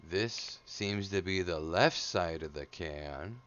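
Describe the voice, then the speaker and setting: A man's voice: sits low, slow pace, a bit bright, muffled recording. A man streaming a game live, joking crudely with chat and muttering repeated phrases to himself.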